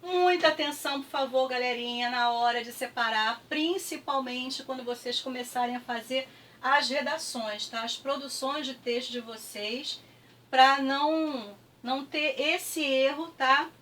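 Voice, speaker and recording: Brazilian lady teacher going over a lesson, high-pitched, keeps asking "tá?", sounds a bit off-mic. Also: fairly bright tone, distant mic, slight background noise. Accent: Brazilian Portuguese. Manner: patient, repeats words slowly with clapping, frequent "tá?" checks. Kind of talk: classroom review lesson.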